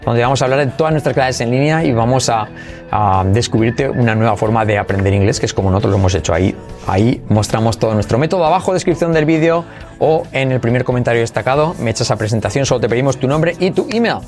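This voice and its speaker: A man's voice: mid-range voice, a little mellow, soft background music. Playful male English teacher. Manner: playful, jumps between languages, repeats phrases slowly. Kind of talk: English lesson for Spanish speakers.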